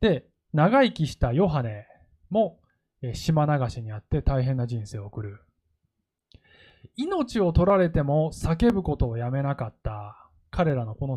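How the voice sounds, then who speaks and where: Guy preaching a sermon, kinda high voice, really lively up and down, acts out the quotes. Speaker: pastor.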